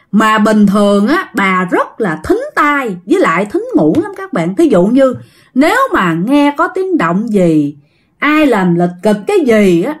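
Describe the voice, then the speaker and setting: Southern vietnamese woman telling a ghost story, high voice, chatty, lots of swings in pitch. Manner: chatty, addresses listeners directly. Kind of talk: casual ghost story narration.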